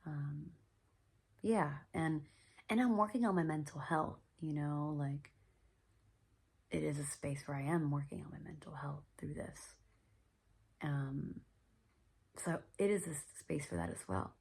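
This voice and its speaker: A woman with a low, gravelly voice shares her story in an earnest, reflective monologue. Her voice is husky and often sinks into a near whisper. She speaks gently, with plenty of pauses and fillers. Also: animated. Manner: soft-spoken, often trailing into a whisper. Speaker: podcast host.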